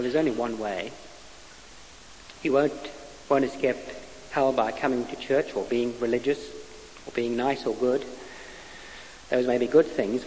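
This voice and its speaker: A man preaching with earnest emphasis and a middle-pitched voice. His words ring out with a long reverb, as if he stood in a large hall. A faint hiss runs under the recording. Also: a little mellow. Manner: earnest, emphatic, with repeated phrases. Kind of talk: sermon.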